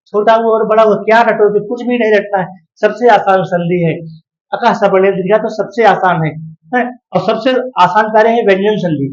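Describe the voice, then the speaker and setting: A man's voice: high-pitched, darkish tone. A man teaching a grammar lesson on video, stretching words out syllable by syllable and calling his viewers dear ones. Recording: dull lo-fi sound.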